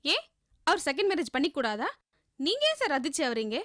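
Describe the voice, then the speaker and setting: An actress playing a chatty, gossipy hospital receptionist in a TV serial. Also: female voice, high-pitched, very animated, fairly quick, a bit bright, dry recording, studio quality. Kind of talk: TV serial acting.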